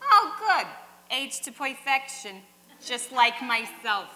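A woman's voice: high voice, big pitch swings, slow pace, sharp tone, big-room sound, heavily acted. A woman playing a teasing older woman who once waited tables, in a church stage skit. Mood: sassy. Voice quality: sassy, teasing. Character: sassy old woman, former waitress, wisecracking. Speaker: actor in a church Christmas skit. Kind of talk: live stage comedy sketch.

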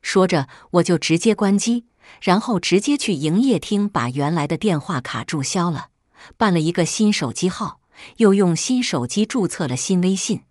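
Low husky woman narrating a story. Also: lively intonation, moderate pace, darkish tone, no room sound, clean studio sound. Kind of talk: first-person story reading.

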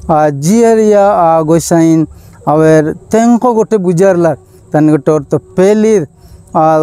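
A man with a Malto accent, a bishop giving an Easter sermon in a measured preaching manner with pauses. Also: on the high side, mellow, clean tone, dry recording.

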